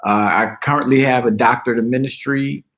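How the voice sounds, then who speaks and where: A man, speaking as a pastor guest in a relaxed interview. He talks in a chatty, easygoing way and pokes fun at himself. His voice has a middling pitch for a man. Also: fairly quick. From Brooklyn, New York. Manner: relaxed, chatty, self-joking. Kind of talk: casual interview chat.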